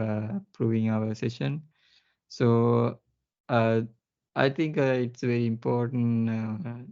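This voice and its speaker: Flat-voiced man from Sri Lanka. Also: medium pitch, vocal fry, muffled recording. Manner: hesitant, with many fillers. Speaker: guest co-presenter. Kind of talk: casual conference chat.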